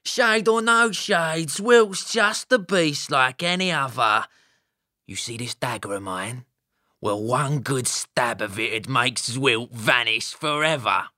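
A man voicing a burly, boastful male stoat warrior, coarse and swaggering with rough dialect grammar. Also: mid-range voice, lively intonation, slow, sharp tone, dry recording, studio quality, voice pushed up, full character voice. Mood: sneering.

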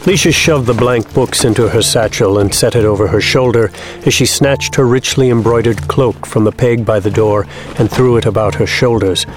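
A man giving measured, descriptive scripted narration for a fantasy audiobook. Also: medium pitch.

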